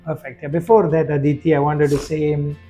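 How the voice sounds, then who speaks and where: Earnest male interview guest, slightly high, warm voice, many fillers. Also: flat delivery, a little fast, faint music behind, rough recording. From Sri Lanka. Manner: earnest, with frequent fillers and restarts. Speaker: guest, festival director and business owner. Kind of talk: conversational interview.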